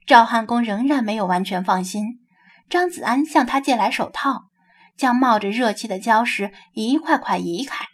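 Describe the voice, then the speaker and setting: A woman with a fairly high voice reads a novel aloud as scripted narration. Her delivery is steady and storytelling. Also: normal speed, husky. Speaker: audiobook narrator.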